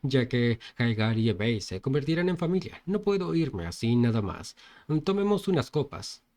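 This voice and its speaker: A man voicing a brash, rude young martial artist who talks bluntly and makes loud demands. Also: medium pitch, sing-song, moderate pace. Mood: cheerful.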